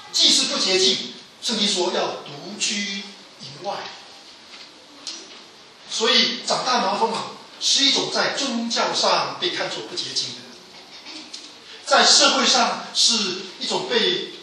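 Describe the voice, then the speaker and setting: A man preaching a sermon with emphatic delivery, his voice rising to loud pleas and falling low again. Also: very animated, measured pace, a little hiss or hum. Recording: echoey hall from a distance.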